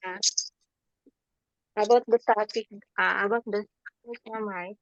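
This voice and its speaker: A woman's voice: mid-range voice, fairly even intonation, vocal fry, no echo, muffled recording. Woman on a distorted, breaking mic. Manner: halting and apologetic, with many fillers. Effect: breaking, distorted mic from the mic moving near her mouth. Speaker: speaking test candidate. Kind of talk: hesitant exam answer.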